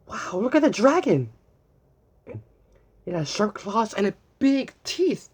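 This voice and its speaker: Here a picture book is read to young kids in a very animated, mid-range voice that moves slowly and carries a breathy edge. Exaggerated wonder colors the reading, with occasional stumbles and repeated words, and the listeners are asked questions directly.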